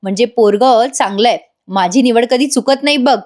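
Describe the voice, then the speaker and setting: A woman's voice: a little high, moderate pace, darkish tone, natural voice. A woman reading the lines of a proud, contented middle-aged father. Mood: pleased.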